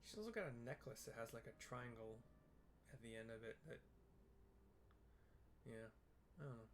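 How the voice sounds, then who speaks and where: With an animated, mid-range voice at normal speed, a man streams and narrates a video game, describing the screen in a rambling, hesitant, self-deprecating way. Background noise is clearly audible.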